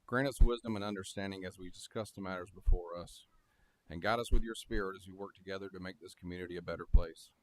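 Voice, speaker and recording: A man's voice: sits low, fairly even intonation, fast, noisy background. A man leading a formal public prayer in reverent, set phrases. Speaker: fire chief leading a prayer. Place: town council meeting room.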